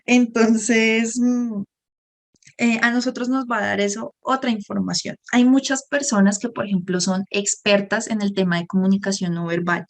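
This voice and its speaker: A woman, teaching a workshop lesson on speaking skills in an explanatory way, often pausing to give examples. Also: medium pitch, steady tone. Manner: explanatory, often pauses on "por ejemplo". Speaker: communication workshop instructor. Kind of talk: online lesson.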